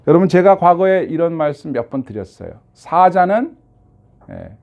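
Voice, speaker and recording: Lively, animated male pastor preaching. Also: on the high side, moderate pace, creaky. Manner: lively storytelling with rhetorical questions and fillers. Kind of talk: sermon. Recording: dull lo-fi sermon audio.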